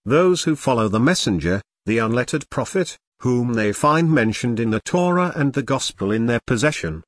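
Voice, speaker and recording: A man reading scripture in translation, delivering it solemnly in short, measured phrases. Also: mid-range voice, expressive, no room sound. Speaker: scripture reader.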